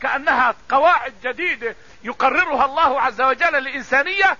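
A man giving a religious lesson on Quran readings, explaining calmly and reciting verses slowly. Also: extremely high pitch, muffled recording. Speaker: Quran teacher.

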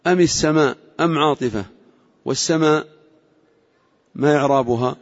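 A man's voice: on the high side, a little fast. A man teaching a classroom lesson on Quranic exegesis, explaining carefully and quizzing his students on grammar. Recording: lo-fi recording in a reverberant hall.

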